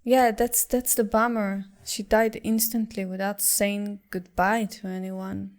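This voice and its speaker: A woman hosting a reaction video speaks at a slow, unhurried pace in a mid-range voice. She gasps out short exclamations, swears now and then, and muses aloud. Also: mid-range voice, flat delivery, faint music behind. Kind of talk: casual reaction commentary.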